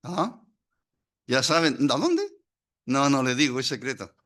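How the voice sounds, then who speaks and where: An older man with a Chilean Spanish accent preaching a sermon, lively and full of questions to the audience. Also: mid-range voice, normal speed.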